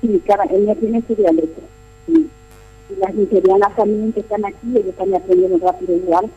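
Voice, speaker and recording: This missionary nun from Paraguay, middle-aged and working at a boarding school, talks through interview questions conversationally, explaining things and circling back to the same phrases. She speaks a bit quickly in a mid-range, steady voice, captured on narrow, tinny audio.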